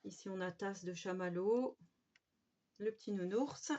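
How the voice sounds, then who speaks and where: A woman's voice: mid-range voice, unhurried, dark tone. Chatty woman gushing over craft cards. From France. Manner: chatty and gushing, with many fillers and little exclamations. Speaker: craft vlogger. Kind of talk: casual haul show-and-tell. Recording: slightly dull home recording.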